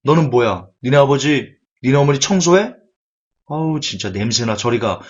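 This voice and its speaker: Sneering rich snob, mocking tone, played by a preacher. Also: male voice, medium pitch, lively intonation, normal speed, dull audio, close to an everyday voice. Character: snobbish rich man sneering at the poor.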